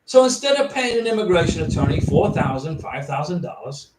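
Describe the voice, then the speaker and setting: A man with a fairly high voice hosts a casual livestream. He reads viewer questions aloud and answers them plainly. He sounds set back from the mic in an echoey room, with clear noise in the background. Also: very animated, brisk. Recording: roomy, distant and noisy.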